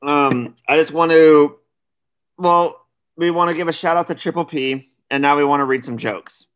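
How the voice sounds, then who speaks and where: A man's voice: fairly high pitch, moderate pace, fairly bright tone, clean tone. A man co-hosting a casual podcast, talking loosely and rambling. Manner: loose, rambling, with restarts and laughs. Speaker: podcast co-host. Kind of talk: casual chat. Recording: dull lo-fi sound.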